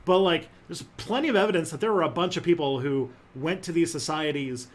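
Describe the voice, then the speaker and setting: Animated, rambling man hosting a chat. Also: on the high side, a little fast. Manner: animated, jokey, rambling with many fillers. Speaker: host. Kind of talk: casual livestream chat.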